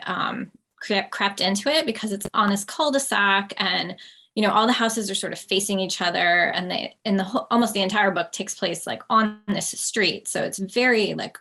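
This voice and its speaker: Woman author on a panel, bright crisp voice, lots of "like"s. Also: mid-range voice, normal speed. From United States. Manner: chatty, many "like" fillers. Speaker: author guest. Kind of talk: panel discussion.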